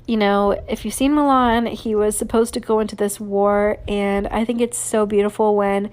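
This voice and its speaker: A woman's voice: medium pitch, darkish tone. A woman hosting a podcast, chatting casually and sentimentally, gushing with lots of fillers. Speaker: podcast host. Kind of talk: casual solo podcast chat.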